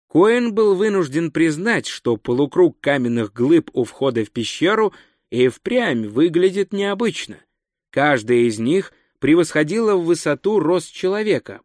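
A man reading an audiobook as narrator, telling the story in a measured, wry manner. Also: on the high side, darkish tone, no room sound, studio quality. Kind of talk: scripted narration. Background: faint music.

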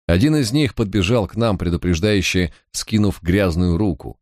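Deep-voiced man narrating an audiobook. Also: normal speed, darkish tone, dry recording, clean studio sound. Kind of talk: scripted first-person narration.

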